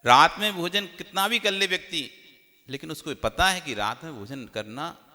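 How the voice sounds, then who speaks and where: A man gives a sermon, putting rhetorical questions to his listeners and swinging from loud emphasis to hushed tones. His voice sits a little high and sounds bright and forceful. A long reverb from a large hall hangs behind every phrase. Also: normal speed. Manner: questioning the audience directly, rhetorical, lively shifts from loud to hushed. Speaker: Jain monk preacher.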